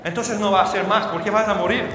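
A man preaching a sermon as a story, often checking in with the audience through quick questions and halting restarts. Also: high voice, background noise. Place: church hall. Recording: reverberant church hall.

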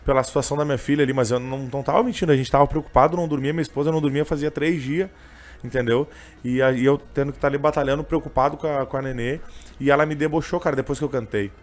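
A young man with a gaúcho Portuguese accent, a train vendor and singer, tells his story in a casual interview. His mid-range voice holds a steady tone at a racing pace, and his talk is rambling, emotional and full of fillers.

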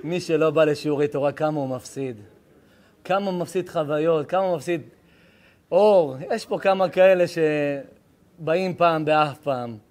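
High-voiced rabbi joking with his audience. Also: a little mellow. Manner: joking, affectionate banter with the crowd. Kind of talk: live Torah lesson with audience banter. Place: lesson hall with a live audience.

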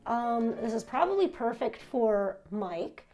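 A woman's voice: a little high, very animated, takes it slowly, warm tone. A young woman casually reviewing products while speaking through a face mask, chatty and thinking aloud, close to the mic. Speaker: vlogger reviewing face masks.

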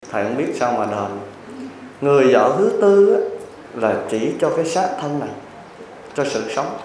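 A man, a Buddhist monk giving a sermon as a lively story with jokes to the listeners. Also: mid-range voice, slight background noise. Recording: very echoey hall, distant mic.

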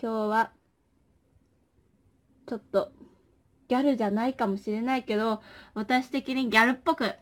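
A young woman chatting casually with viewers as a livestream host, playful and animated, often exclaiming as she reacts. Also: a little high. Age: young adult. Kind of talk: casual chat with viewers during a makeup stream. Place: small indoor room.

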